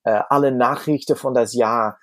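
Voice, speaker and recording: A Dutch man in a relaxed conversational interview, with a medium-pitched voice and a Dutch accent. He speaks as a guest, feeling his way through sentences and searching for words. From Netherlands. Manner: halting, searching for words in German. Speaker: cabaret performer, interview guest.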